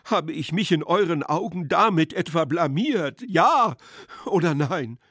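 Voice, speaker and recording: A man voicing a drunken, pompous elderly general who talks loudly and stammers. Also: mid-range voice, expressive, slow, dry recording, clean studio sound. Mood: desperate. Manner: loud, faltering, repeats himself.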